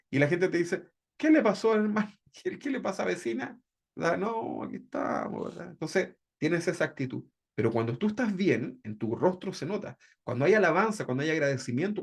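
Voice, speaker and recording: A man's voice: on the high side, gravelly, breathy edge. A man teaching a Bible discipleship class in a conversational way, often checking in with "¿verdad?". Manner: conversational, keeps asking "¿verdad?".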